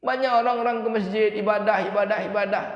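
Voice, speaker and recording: Man, preacher, lively sermon, high voice, echoey hall. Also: fast, dull audio. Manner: lively, asks the congregation questions.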